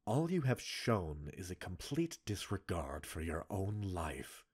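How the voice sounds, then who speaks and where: Cold disapproval runs through this heavily acted, very animated performance of a stern commander in an ASMR roleplay script. The male actor's deep, raspy voice reprimands a subordinate in measured, formal lines, ranging from restrained lows to forceful emphasis.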